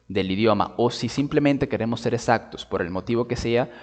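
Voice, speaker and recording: A man giving a patient video lesson on phonetics, drawing out sounds slowly to demonstrate them and often checking in with his listeners. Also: mid-range voice, darkish tone, big-room sound. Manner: checks in with "¿vale?" and "¿ok?". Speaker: linguistics teacher.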